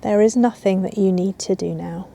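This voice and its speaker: Out in a garden, with birds singing and garden sounds around her, a female yoga teacher guides a yoga nidra relaxation slowly and soothingly, leaving long pauses. She has a mellow, steady mid-range voice with some vocal fry, and there's a little hiss or hum on the recording.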